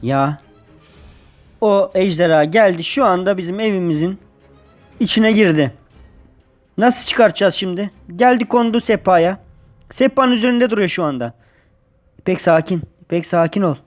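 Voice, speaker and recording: A man with a notably high voice narrates a make-believe adventure at home as a father talking to his kids. He is excitable, jumping between hushed, soothing tones and sudden high shouts. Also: normal speed, long pauses, faint music behind. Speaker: father narrating a family video. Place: at home, indoors.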